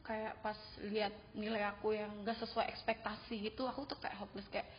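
A young woman, a university student, telling her story casually in an interview, with lively acted quotes. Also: medium pitch, brisk. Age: young adult. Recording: dull sound with long reverb and faint noise.

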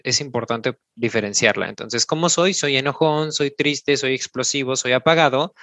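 A man's voice: medium pitch, pushed and bright, no room sound. Mexican man guiding listeners step by step. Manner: explains step by step, tags sentences with "¿no?". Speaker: podcast co-host and coach. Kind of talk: instructive podcast talk.

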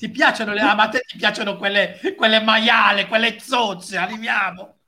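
A man's voice: sits high, steady tone, moderate pace, gravelly, pushed and bright. A man hosting a casual live talk show, teasing and prodding his guests.

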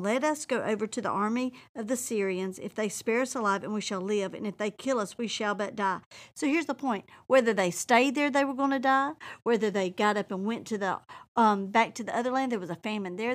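A woman with a Southern US accent, hosting a faith talk show and exhorting listeners in a fervent, folksy preaching style. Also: medium pitch. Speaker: host.

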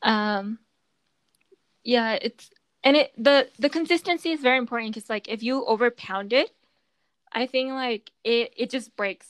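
With a fairly high voice and an unhurried delivery, a woman hosting a podcast chats casually and explains at length, stumbling through lots of fillers and restarts. The recording is dry.

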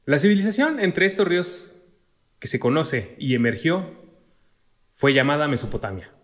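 Mexican male podcast host, joking, slightly high voice. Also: very animated, normal speed. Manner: jokey, laughs often. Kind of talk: casual podcast banter and reading.

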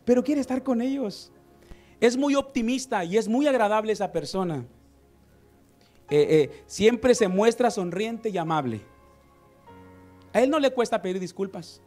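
A man preaching a lively sermon, acting out everyday scenes and calling his listeners brother. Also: high voice, a little slow, long pauses, faint music behind.

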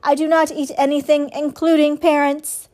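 A woman's voice: sits high, flat delivery, moderate pace, a little mellow, pitched above the performer's own voice, lightly acted. A woman voicing a friendly female robot in a storybook, speaking in a formal, precise, earnest way. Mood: earnest, polite.

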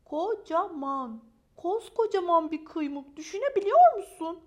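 A woman's voice: extremely high pitch, very animated, a little slow, voice pushed up, heavily acted. A woman voicing a whiny, self-pitying young female dog who wails dramatically about her troubles. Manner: wailing, dramatic complaints.

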